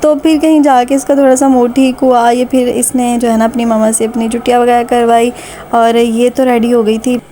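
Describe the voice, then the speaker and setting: Chatty Pakistani woman, mellow voice. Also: fairly high pitch, flat delivery, normal speed, a little hiss or hum. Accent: Pakistani Urdu. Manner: chatty and warm-hearted, with frequent conversational fillers. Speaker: vlogger. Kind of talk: voice-over narration of a family vlog.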